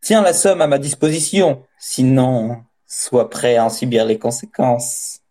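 A man's voice: medium pitch, animated, unhurried, dark tone. Cruel witch lady threatening a farmer, mocking tone, man reading it, audiobook. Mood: menacing. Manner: menacing, mocking. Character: cruel menacing woman witch, extorting and threatening.

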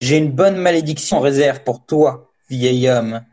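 A man's voice: medium pitch, unhurried, a little mellow, lightly acted. A man voicing a cruel woman witch who threatens and mocks a farmer, menacing and sneering. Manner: menacing, mocking.

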